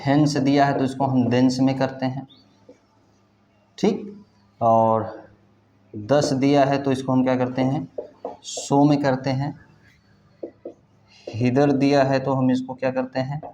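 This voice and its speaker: Slow-paced male teacher in an echoey classroom. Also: mid-range voice, flat delivery, dark tone, slight background noise. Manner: drills students with repeated questions, teaching English in Hindi. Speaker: English grammar teacher. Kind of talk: classroom lecture. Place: classroom with a board. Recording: roomy, dull classroom recording.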